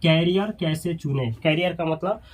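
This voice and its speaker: A man's voice: on the high side, moderate pace, slight background noise. A man teaching an English grammar lesson, asking questions and repeating the class's answers.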